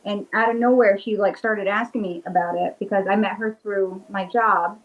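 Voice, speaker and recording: Speaking at a normal speed in a steady, mid-range tone, a Rhode Island woman guests on a relaxed video-call interview. She's a witch and paranormal investigator who talks eagerly, loaded with "like" fillers, and the audio's highs are cut off.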